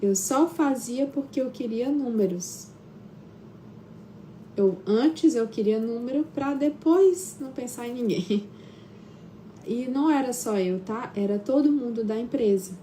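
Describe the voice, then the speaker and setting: A woman with a Brazilian Portuguese accent, a therapist, hosts a live stream from home, chatting casually and telling personal stories with frequent tag questions and hesitations. Her voice is a little high and mellow, with lively intonation and an unhurried pace, and a little hiss or hum is audible.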